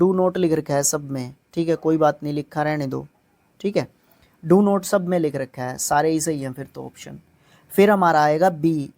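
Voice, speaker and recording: Mellow-voiced male exam-prep teacher. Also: fairly high pitch. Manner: explanatory, keeps checking in with "theek hai". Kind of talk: exam-prep English grammar lesson.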